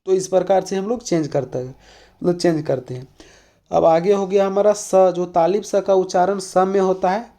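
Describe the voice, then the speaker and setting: A man's voice: sits high, fairly even intonation, normal speed, mellow. A man from Jharkhand teaching an exam-prep language lesson, explaining step by step with lots of fillers and repeated questions to the class. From Jharkhand, India.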